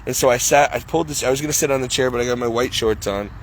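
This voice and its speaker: A man's voice: medium pitch, very fast, a little hiss or hum, low-quality recording. A man vlogging outdoors in the cold, talking zealously and in a rambling way that keeps interrupting itself, and chilled from being out for hours. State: freezing cold. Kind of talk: casual religious vlog monologue.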